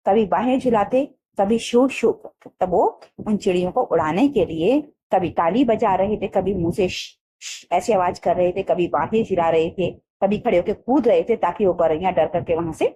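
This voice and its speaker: A woman's voice: medium pitch, a little mellow, a little hiss or hum. A woman teacher reading a textbook lesson aloud, repeating each line and paraphrasing it simply for students. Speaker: Hindi teacher.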